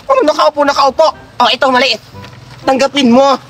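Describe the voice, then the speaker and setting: A bossy middle-aged auntie who scolds children as she hands out gifts, as a man puts her on. Her voice is high and sharp, theatrical and shrill. Faint music plays underneath. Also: steady tone, moderate pace. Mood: mocking. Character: bossy middle-aged woman Aling Magna handing out gifts.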